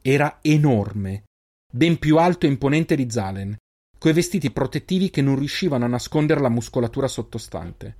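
Measured male story narrator. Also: medium pitch, lively intonation, darkish tone. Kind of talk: audiobook narration.

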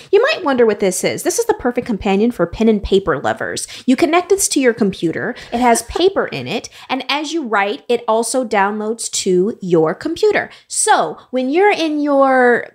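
A woman's voice: fairly high pitch, very animated, moderate pace, hardly any pauses. A woman co-hosting a podcast in casual, joking chat, sometimes putting on a game-show delivery. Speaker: podcast co-host.

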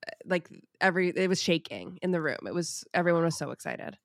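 A woman with a lowish voice chats in a relaxed podcast conversation. She talks with excitement and laughs easily. The recording is dry and close. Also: quick pace, no room sound. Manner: excited, chatty, laughs often. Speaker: podcast host. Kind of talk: casual chat.

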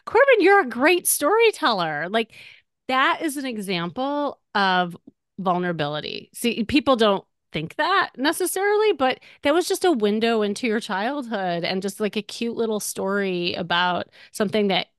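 A woman's voice: fairly high pitch, very animated, normal speed, a bit bright, no room sound, studio quality. A woman hosting a dating-coaching podcast, upbeat and encouraging, often laughing as she talks. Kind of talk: warm encouraging coaching chat.

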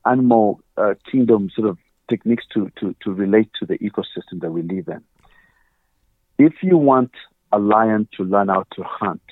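In a conversational interview, a guest with a Ugandan accent earnestly explains his views, using examples and quoted questions. His voice is lowish, and the phone-quality recording has no room sound.

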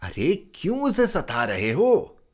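A man's voice: fairly high pitch, wildly swooping pitch, slow, voice pushed up, exaggerated voice. A man voicing a middle-aged aunt who fusses over her nephew in a raised, concerned voice. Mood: fussing.

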